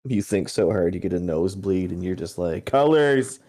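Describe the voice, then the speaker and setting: A man's voice: low-pitched, level tone, a little fast, mellow, slightly rough. A man casually narrating his character's moves as a player in a tabletop role-playing game.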